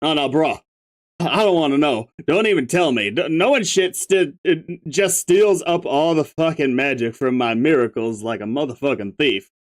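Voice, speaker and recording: In a lightly acted turn at medium pitch and normal speed, a reader voices a young male stoner clown troll while reading a webcomic aloud. He speaks in a slurred, clownish drawl, swearing lazily and sounding awed by everything.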